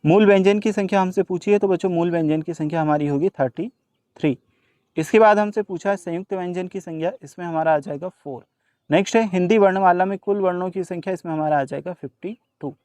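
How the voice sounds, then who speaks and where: A man's voice: high voice, fast talker, a little mellow, dry recording. A male teacher working through a workbook solution lesson, addressing children, asking questions and answering them himself, dropping English words and numbers into his speech.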